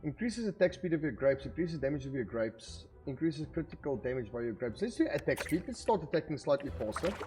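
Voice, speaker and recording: A man's voice: a little high, very animated, fairly quick, hardly any pauses, dark tone. A man giving casual let's-play commentary, thinking aloud and saying 'okay' a lot. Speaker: gaming video creator. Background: faint game music.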